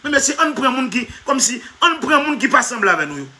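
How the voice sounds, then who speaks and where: A comedy vlogger talks fast in a sing-song, sharp voice with an extremely high pitch. His comic monologue is emphatic and repetitive, he keeps addressing "monsieur," and he often half-laughs mid-sentence.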